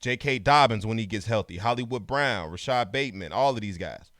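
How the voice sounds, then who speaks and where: A man's voice: fairly low pitch, lively intonation, a little fast, fairly bright tone, no echo, studio quality. A man co-hosting a sports podcast in casual chat, rattling off lists of players and making emphatic points. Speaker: podcast co-host.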